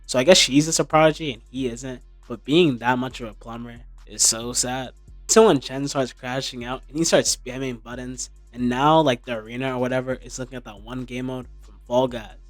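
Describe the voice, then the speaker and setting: A young man delivers an informal, sarcastic recap in a medium-pitched voice. The sound is dry, with faint music underneath his slangy commentary. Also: steady tone, fairly quick, no room sound. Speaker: video commentator.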